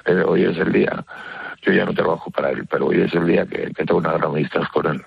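An older man from Spain with a gravelly smoker's rasp, chatting haltingly as a listener calling in to a radio show. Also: deep voice, fairly even intonation, no room sound. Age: older, early retired. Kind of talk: casual conversation, personal account. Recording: dull lo-fi call to radio.

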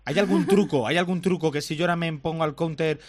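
A male radio host talks fast, his voice pitched a little high. He fires off quick questions and reacts with open enthusiasm. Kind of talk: lively radio interview.

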